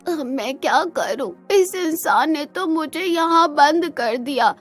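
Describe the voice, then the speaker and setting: A woman doing a scared little she-goat in a cartoon, high-pitched and tearful, pleading slowly and softly. the voice trembles with fear and sits well above an ordinary woman's talk. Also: animated, faint music behind. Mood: frightened tearful. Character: frightened young female goat.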